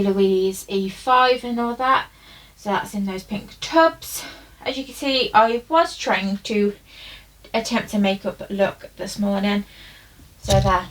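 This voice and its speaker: A young woman giving a casual, rambling tour of her makeup storage at home, with loose fillers. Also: on the high side. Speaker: beauty vlogger. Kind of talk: casual room tour chat. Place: bedroom at home. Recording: slightly distant, faint hiss.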